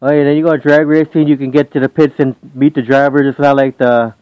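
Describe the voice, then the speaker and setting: A man's voice: mid-range voice, flat delivery, a little fast, clean tone, dry recording, highs cut off. A man in his forties hosting a casual radio interview, easygoing and asking simple questions. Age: 40s. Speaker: radio show host.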